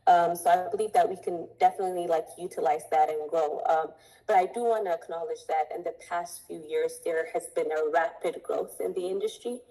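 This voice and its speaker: A young adult woman from Ethiopia, a coffee importer speaking earnestly as an interview guest, with many pauses to think. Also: on the low side, steady tone, mellow, poor audio. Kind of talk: interview conversation.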